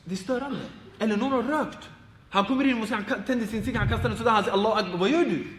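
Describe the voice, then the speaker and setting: High-voiced man giving lively advice. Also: echoey room, big-room sound. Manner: animated, laughing, acts out everyday examples. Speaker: Islamic teacher. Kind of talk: informal advice talk.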